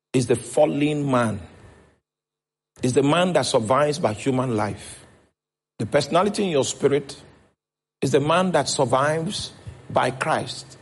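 A man's voice: on the high side, husky. A man with a Nigerian accent preaching a sermon as pastor, checking in with his congregation as he goes.

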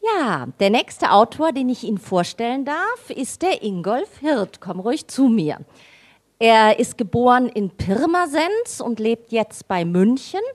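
A woman hosting a live reading, introducing the next author in a friendly, relaxed way. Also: on the high side, measured pace. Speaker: reading event host.

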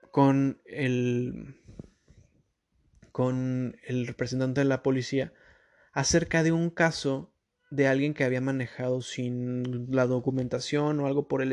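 Guy in his 30s telling his listeners a story, super expressive, keeps restarting sentences. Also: mid-range voice. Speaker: podcast host. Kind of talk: casual storytelling.

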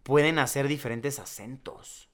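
A Mexican man chatting casually on a podcast, agreeable and relaxed, using plenty of slang. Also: mid-range voice, measured pace.

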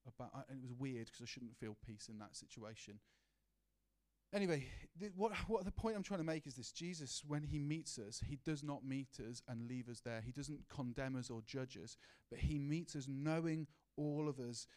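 A man's voice: mid-range voice, moderate pace, darkish tone. A man preaching a sermon in an earnest, personal way, asking the congregation questions and sharing his own story. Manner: earnest, personal, with many restarts and rhetorical questions.

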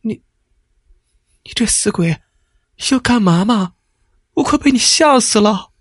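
Nagging worried wife, man putting her on, high husky voice, dry sound. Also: animated, measured pace, no echo, heavily acted. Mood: scolding. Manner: scolding, nagging. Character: worried scolding young wife, woman.

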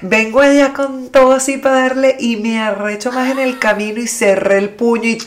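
Woman, Venezuelan accent, fairly high voice, expressive casual chat, spoken sound effects. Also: normal speed.

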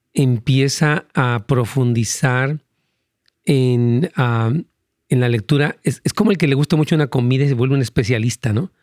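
A man's voice: medium pitch, darkish tone, no room sound. Earnest man pastor, dry sound. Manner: earnest, rambling with many fillers. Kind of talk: answering callers' Bible questions.

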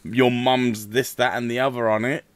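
A man's voice: mid-range voice, little pitch movement, moderate pace, clear, resonant tone, dry recording. A British man hosting a casual podcast, talking bluntly and swearing freely. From Britain. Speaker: podcast host.

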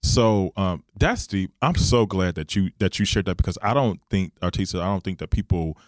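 Deep-voiced man hosting a casual chat. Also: animated, normal speed, no echo, clean studio sound. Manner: repeats points for emphasis, agreeing readily. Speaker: podcast host. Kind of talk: casual reflective conversation.

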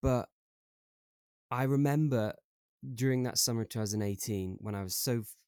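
A young Welsh man, a podcast guest, telling his story in a candid, reflective way, with lots of "like" fillers and halting restarts. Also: mid-range voice, a little mellow, clear, resonant tone, dry recording, studio quality. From Wales.

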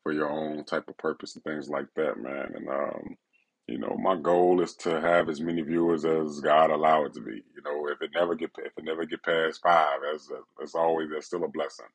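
A man hosting a casual, intimate solo podcast, speaking in a laid-back, personal way right in the listener's ear, with a gravelly, husky voice. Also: a bass voice, little pitch movement, normal speed. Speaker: podcast host.

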